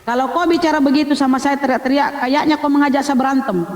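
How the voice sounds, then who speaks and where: A woman's voice: high-pitched, fast. Teasing, scolding woman in an echoey room. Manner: teasing, scolding, repeats questions. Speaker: debate host. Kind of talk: heated online debate.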